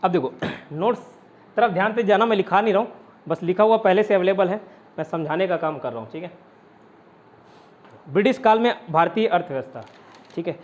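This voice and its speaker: A man with a fairly high voice leads an online exam-prep class. He explains step by step and answers his own questions as he goes. The sound is dull and lo-fi. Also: animated, fairly quick, pauses often. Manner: often adds "ठीक है" to check understanding. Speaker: teacher.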